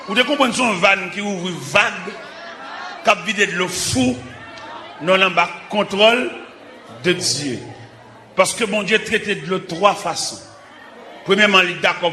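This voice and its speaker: A Haitian man preaches with fervor, shouting his sermon in short, punchy bursts. His voice sits high and he takes his time. He is recorded in a roomy, echoing church with the congregation and steady noise behind him.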